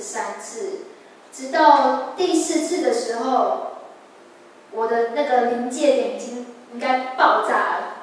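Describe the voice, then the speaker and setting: A woman's voice: on the high side, slight background noise. Earnest young woman in an echoey church. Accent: Taiwanese Mandarin. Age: young adult. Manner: earnest, halting storytelling with frequent restarts. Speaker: church member giving testimony. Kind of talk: personal testimony in a church service. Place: large church sanctuary. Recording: echoey hall, voice from a distance.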